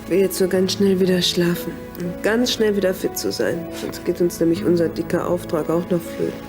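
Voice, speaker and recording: A woman's voice: on the low side, brisk, recorded from a distance, natural voice. A middle-aged woman playing a homely, caring mother in a TV drama, talking in an everyday way. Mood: worried, weary. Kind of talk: TV drama acting. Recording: echoey room, music, clinking dishes.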